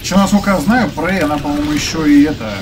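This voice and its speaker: A man's voice: on the high side, fast, far from the mic, noisy background. A man doing casual, foul-mouthed gameplay commentary, often grumbling in exasperation. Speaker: gamer commenting on a playthrough. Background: video game music.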